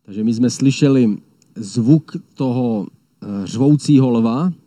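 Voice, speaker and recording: A man preaching a sermon in an earnest, measured way, often restating his point. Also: mid-range voice, mellow, no echo. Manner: earnest, measured, repeats phrases.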